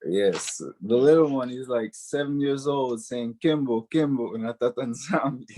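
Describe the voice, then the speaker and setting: A man in his early twenties, born in Haiti and raised in the US, earnestly shares a personal spiritual testimony, repeating key words for emphasis. His mid-range voice is dark in tone and a little slow, with slight background noise.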